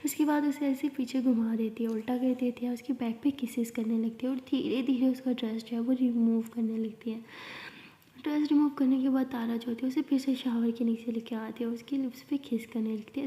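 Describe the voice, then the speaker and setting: A woman's voice: on the high side, fairly even intonation, fairly quick. Woman in whispered role-play storytelling. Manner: hushed, intimate narration. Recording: roomy reverberant room.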